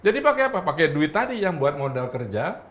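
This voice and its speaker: Talk-show guest: a man, animated, with a wide pitch range. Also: fast. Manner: animated, acts out quoted speech. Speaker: guest commentator. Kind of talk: casual talk-show chat.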